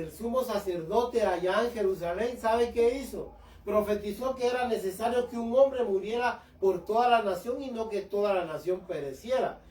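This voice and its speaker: A man preaching a sermon, speaking with impassioned fervor and calling his listeners brothers. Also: high voice. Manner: impassioned, addresses congregation as brothers. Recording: echoey room, voice far from mic.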